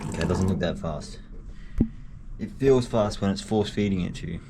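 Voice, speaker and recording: A young travel vlogger with a slightly low voice, chatting casually and cursing as he walks through old sites. His handheld recording picks up plenty of noise around him. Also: normal speed. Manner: casual, swears a lot, jokey. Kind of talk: casual vlog narration. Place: exploring historic buildings and a cave, partly indoors.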